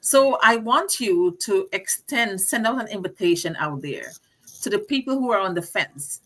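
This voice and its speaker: A woman's voice: mid-range voice, animated, normal speed, fairly bright tone. A middle-aged woman from Guyana with a Guyanese accent, hosting a casual live-stream chat, talkative and given to repeating words. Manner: chatty, laughs often, repeats words. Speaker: host.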